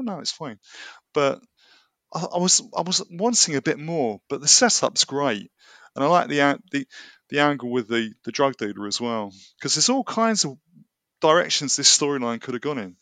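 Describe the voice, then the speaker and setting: A man with a medium-pitched, bright and forceful voice co-hosts a casual film review. He talks in a measured, conversational way, recorded very dry. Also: vocal fry, dry recording. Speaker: film review show co-host.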